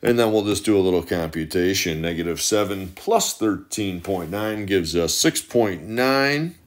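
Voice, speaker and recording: Guy math teacher talking slow and low, explaining each step one at a time, voice-over tutorial. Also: lively intonation. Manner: methodical, walks through each step aloud.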